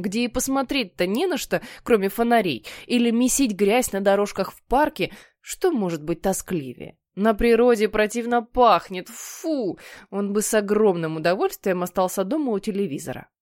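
A woman narrating a children's story in a lively, playful way. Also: mid-range voice, normal speed, dry recording, clean studio sound. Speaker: audiobook reader.

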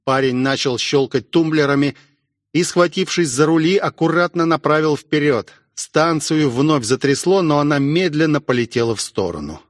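Man narrating audiobook, even clear reading, slightly high voice, dry close recording. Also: moderate pace, no room sound.

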